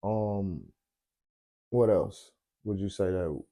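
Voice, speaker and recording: A man's voice: low voice, slow pace, warm tone. A man hosting a casual late-night chat, tired and rambling, often searching for words. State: tired, yawning. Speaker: podcast host.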